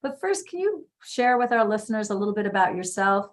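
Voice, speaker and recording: Chatty woman hosting a live online show, easygoing middle pitch, quick friendly questions. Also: very animated. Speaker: host. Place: home in California.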